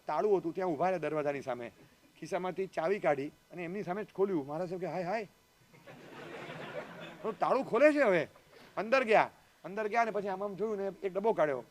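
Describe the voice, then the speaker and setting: High-voiced monk telling a story. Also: male voice, slight background noise. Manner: storytelling, acts out dialogue, asks the audience questions. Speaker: Jain monk giving a discourse. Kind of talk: sermon with acted anecdotes.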